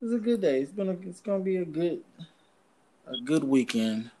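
A man's voice: fairly high pitch, sing-song, moderate pace, noisy background. A man co-hosting a casual gaming podcast, rambling with many fillers as he searches for words. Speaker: podcast co-host. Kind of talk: casual chat.

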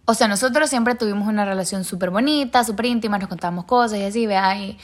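A young woman from El Salvador, hosting a casual chat and telling stories in an animated way. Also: medium pitch, fast. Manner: animated storyteller, acts out quoted voices. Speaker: podcast host.

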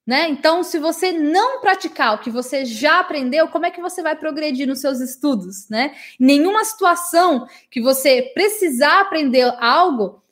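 Her voice is high and bright as she runs a live English class for her audience. Originally a Portuguese speaker from Brazil, the teacher stays friendly and conversational, often checking in with a quick "né?".

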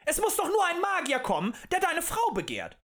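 A man voicing a fiery male demagogue who rants and shouts at a tavern crowd in an audiobook. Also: extremely high pitch, huge pitch swings, normal speed, voice pushed up, heavily acted. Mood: ranting. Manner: ranting, shouting, rhetorical and accusing.

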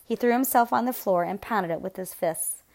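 A woman narrating a novel aloud in a steady, measured, grave storytelling voice. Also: mid-range voice, gravelly. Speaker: audiobook narrator.

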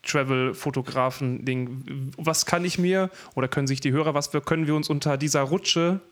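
A man's voice: medium pitch, moderate pace, fairly bright tone. A man hosting a casual podcast, asking questions in a playful, teasing way. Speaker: podcast host.

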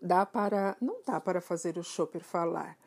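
A woman's voice: lowish voice, normal speed, vocal fry, husky. A woman voicing a young boy who explains things in a matter-of-fact way. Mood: explaining. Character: young boy, proud parrot owner.

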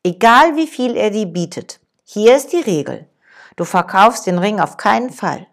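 A woman reading the lines of a wise old male master in a calm, measured way. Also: mid-range voice, natural voice.

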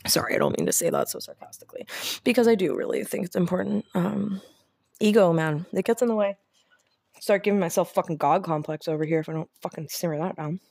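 A woman's voice: mid-range voice, fairly quick, creaky, darkish tone, slightly rough. A young woman rambling emotionally to camera at home, swearing freely and talking to herself. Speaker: vlogger. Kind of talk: rambling casual self-talk to camera. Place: at home, lying on the floor.

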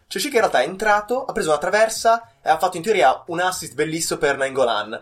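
A young man with a fairly high voice gives opinionated, slangy takes as co-host of a casual football chat. Music plays in the recording. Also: expressive, fast, fairly bright tone.

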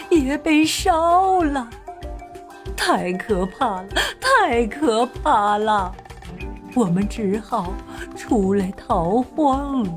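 A woman voicing a frail, grieving old male rooster, speaking in a halting, sorrowful way. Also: a little high, heavily acted.

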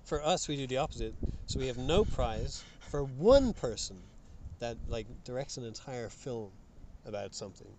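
A man in a casual podcast conversation, blunt and quick to joke, with a middling pitch. His recording carries steady background noise with vehicles passing. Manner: joking, blunt, swears freely. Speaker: podcast co-host.

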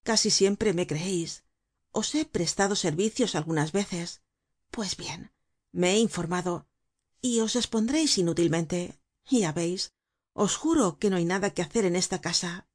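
A ragged, fearless young woman facing down a gang of robbers, read by a woman narrator. Her voice is low and husky, firm and defiant. It sounds like an audiobook character reading. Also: measured pace. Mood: coaxing. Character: fierce ragged young woman defying bandits.

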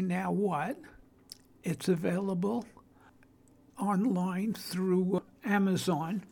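Older female podcast host, Brooklyn accent, creaky husky voice, halting plain-spoken delivery. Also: medium pitch, a little mellow. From Brooklyn, New York. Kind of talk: informal solo podcast talk.

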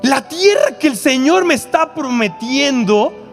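Male preacher, Mexican accent, very high pitch, church auditorium, faint music. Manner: animated, rhetorical questions, quick asides to the crowd. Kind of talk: sermon.

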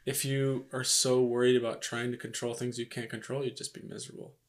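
A young man and expectant father chatting casually on camera in a relaxed, joking way with many fillers, "like" and "you know". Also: medium pitch, brisk. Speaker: vlog co-host, expectant father. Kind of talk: casual couple chat to camera. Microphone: microphone on camera.

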